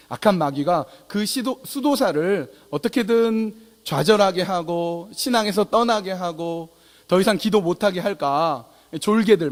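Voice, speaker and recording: A pastor preaching to his church, his voice high and swinging up and down. He acts out the voices in his stories as he goes. The sound carries a long reverb from the sanctuary. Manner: storytelling preacher, acts out dialogue. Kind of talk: sermon.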